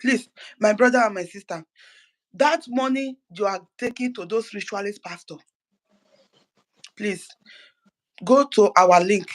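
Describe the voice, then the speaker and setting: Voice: mid-range voice, measured pace, pauses often, poor audio. A speaker gives an impassioned political address as an activist, fervent and full of repeated words and restarted phrases.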